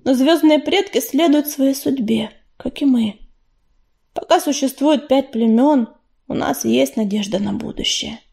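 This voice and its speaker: A woman voicing a wise female medicine cat mentor, speaking in a quiet, measured, firm way in an audiobook. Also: sits high, vocal fry. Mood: calm.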